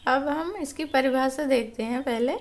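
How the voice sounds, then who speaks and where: A woman with a high, light voice, teaching a class. She explains patiently, restating each point in simpler words and walking through examples one by one. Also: moderate pace.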